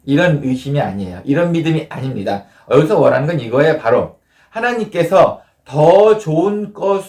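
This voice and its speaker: A male pastor delivers a storytelling sermon in a fairly high voice. He slips into quoted prayers and dialogue as he goes. The sound is roomy, with echo around him. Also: lively intonation, normal speed, darkish tone. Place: church.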